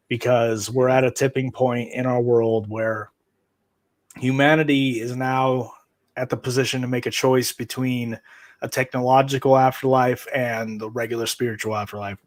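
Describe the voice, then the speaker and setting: A man's voice: medium pitch, dry recording. A man talking earnestly and rambling about spiritual ideas over a video call, his audio cutting out. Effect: voice over a choppy video call, audio cutting out. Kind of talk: casual spiritual chat.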